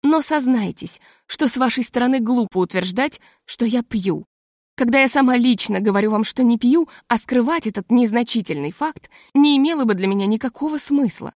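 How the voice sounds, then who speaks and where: A woman's voice: fairly high pitch, moderate pace, no room sound, clean studio sound. Woman as an exasperated proud lady. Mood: strained calm. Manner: indignant, forcing herself to stay calm. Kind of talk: audiobook character reading.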